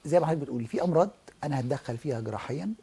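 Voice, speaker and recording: A man's voice: a little high, lively intonation, very fast, dark tone, husky. A middle-aged man with an Egyptian Arabic accent, an ear, nose and throat professor who explains as a guest on a television health talk and acts out examples. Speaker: ENT professor and guest doctor.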